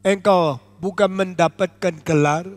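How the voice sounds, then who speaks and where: An older man from Indonesia preaching a sermon as pastor, emphatic and deliberate, switching at times into English. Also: high-pitched, steady tone. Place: large church auditorium. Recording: long echo of a large church hall.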